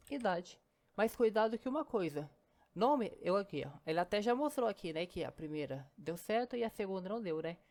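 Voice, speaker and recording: Keyboard clatter sits behind a programming teacher as she moves briskly through code in a casual screen recording, chatting and going step by step while repeatedly saying "ó" and "né". Her pitch is middle-range and her tone darkish.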